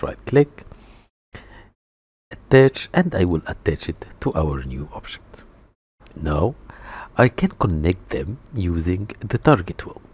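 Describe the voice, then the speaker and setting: Low, husky-toned male tutor, lively rises and falls, talking calmly through each step at the desktop mic. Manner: step-by-step, methodical, with restarts and a stumble over a word. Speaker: 3D modeling tutor. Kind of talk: screen-recorded software tutorial.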